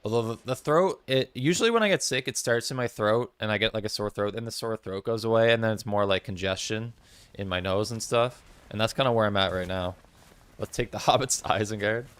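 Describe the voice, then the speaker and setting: A man's voice: on the low side, brisk, a bit bright, smooth. A man with a cold and a congested voice, chatting casually with viewers as he streams a game. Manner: chatty, rambling, greets chat by name. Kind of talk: casual live-stream chat.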